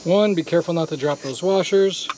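Fairly quick and on the high side, this man's voice carries over background noise as he films himself outside fixing a jet ski. The practical, casual tutorial proceeds step by step, with swearing whenever he gets frustrated.

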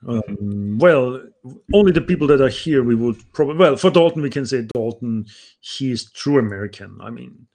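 Speaking at a normal speed in a mid-range, slightly mellow and animated voice, this middle-aged Austrian co-host has an Austrian German accent. He's on a casual video call using an earbud, sitting in a home room with bookshelves. Chatty and heavy on "um" fillers, he takes care when reading names aloud.

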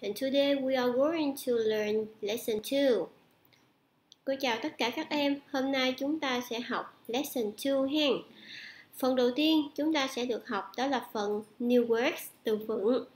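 High-voiced Vietnamese woman teaching. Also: darkish tone, roomy sound. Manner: slow, drawn-out repetition of words for students. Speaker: English teacher. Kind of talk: online lesson, switching between Vietnamese and English.

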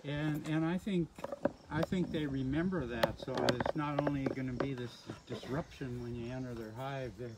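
Male beekeeper, patient explainer, mid pitch, outdoor demo, heavy background noise. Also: normal speed. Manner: patient, explanatory, a little joking. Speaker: beekeeper teaching a hive demo. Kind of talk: hands-on outdoor demonstration. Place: outdoors at beehives. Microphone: no working mic, picked up from a distance. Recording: very noisy outdoor live stream.

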